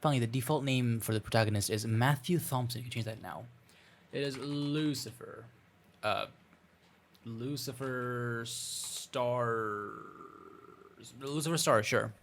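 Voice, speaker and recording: With a mid-range voice, a slightly slow pace, and long pauses, a man reads a visual novel during a let's play. He mixes in wry, self-deprecating commentary, his throat sounds a little scratchy and needs frequent clearing, and music runs underneath.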